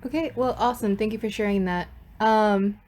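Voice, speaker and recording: A woman's voice: medium pitch, a little fast, a little mellow. A young woman conducting an oral history interview, asking questions tentatively with many fillers.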